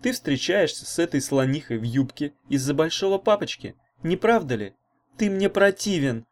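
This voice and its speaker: A man reading an audiobook, voicing a sharp-tongued teenage girl witch with an indignant, cutting way of talking. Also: a little high, lively intonation, moderate pace, voice pushed up, close to an everyday voice. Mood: bitter.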